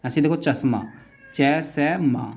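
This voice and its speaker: A man's voice: on the high side, takes it slowly, a little mellow. A man teaching shorthand step by step, patiently breaking words into syllables and strokes and calling his students "beta".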